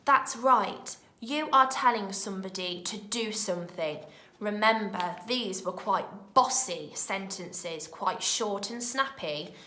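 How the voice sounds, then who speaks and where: A woman teaching young children in a recorded lesson, with a British accent and a clear, expressive way of talking. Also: medium pitch, echoey room. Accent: British English. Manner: slow, clear and expressive, speaking to small children. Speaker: primary school teacher.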